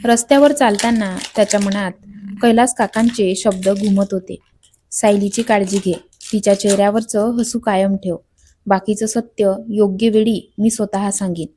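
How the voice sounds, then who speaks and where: A woman's voice: medium pitch, steady tone, moderate pace, dark tone, a little hiss or hum. A woman reading a romantic story aloud as narrator, speaking every character's lines in her own voice. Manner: reads all characters' dialogue in her own voice.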